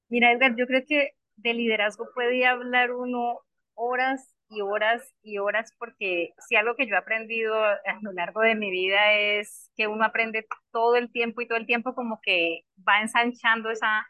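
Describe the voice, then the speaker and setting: A woman's voice: a little high, no echo, highs cut off. A woman panel guest on a talk show, reflective, repeating key words for emphasis.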